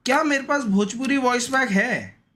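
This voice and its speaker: An Indian-accented gamer talks to his live stream viewers in an extremely high, pushed, bright voice at a normal speed. His chat is informal and repetitive, peppered with slang, exclamations and grumbling.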